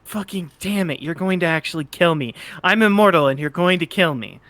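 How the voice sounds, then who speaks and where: Casting: snarky teenage half-bird sprite boy played by a man, slightly high, bright and dry-recorded, awkward slangy rambler. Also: lively intonation, a little fast, no room sound. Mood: exasperated teasing. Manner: casual slangy rambling, stammering. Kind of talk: amateur fan fiction read-aloud, character dialogue.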